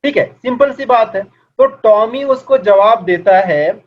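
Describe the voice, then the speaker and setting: Male teacher, high-pitched, muffled lo-fi recording; patient online lecture with questions to students. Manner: explains in Hindi, reads English lines slowly; asks students questions as if in class. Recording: dull lo-fi recording.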